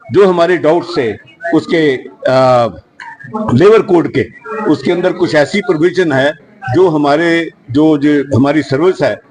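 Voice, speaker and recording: A man with a fairly high pitch speaks as the head of an industry association. He talks unscripted to the press, earnest and rambling, and he keeps circling back to restart his sentences. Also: rough recording. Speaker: security industry association leader. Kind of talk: unscripted media statement.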